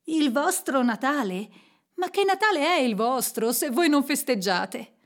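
A woman's voice: high-pitched, lively intonation, measured pace, voice pushed up. Woman playing cheerful nephew Fred. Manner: bright, jovial. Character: cheerful young man, Scrooge's nephew.

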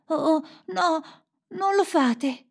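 A woman voicing a bold little bandit girl in a storybook, shrill and pleading. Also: extremely slow, exaggerated voice.

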